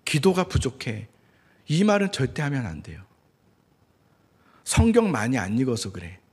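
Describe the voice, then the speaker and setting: A male pastor preaching a sermon in an animated way, acting out quoted speech. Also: medium pitch, normal speed, breathy edge. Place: church sanctuary. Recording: church hall reverb.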